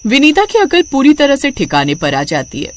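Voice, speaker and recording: Brief: man, high lively voice, comic narration, faint hiss behind. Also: moderate pace. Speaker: storyteller.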